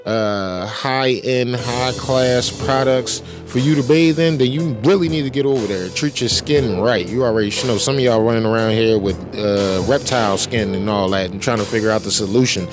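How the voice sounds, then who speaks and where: A man's voice: medium pitch, moderate pace, hardly any pauses, over music. An American man hosting a talk show, speaking in casual, emphatic, slangy and profane monologue.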